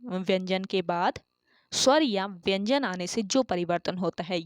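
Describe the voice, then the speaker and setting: Female online tutor, mid pitch, deliberate explainer, dead-dry room. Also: clear, resonant tone, no room sound. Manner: asks questions then answers them herself; repeats key terms for emphasis. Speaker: Hindi exam tutor. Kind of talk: online exam-prep lesson.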